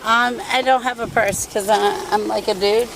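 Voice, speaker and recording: Deferential, hesitant woman amid loud voices. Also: fairly high pitch, fairly even intonation, normal speed, a loud crowd, poor audio. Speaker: driver under arrest. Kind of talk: answering police questions. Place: outdoors at a roadside stop.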